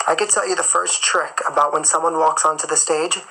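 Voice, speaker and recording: A man's voice: on the high side, steady tone, fairly quick, creaky, bright, forceful tone, rough recording. A man who is a singer and performer, hosting a live stream and giving a motivational talk while chewing gum. He stresses his points and repeats key phrases. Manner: chews gum while talking.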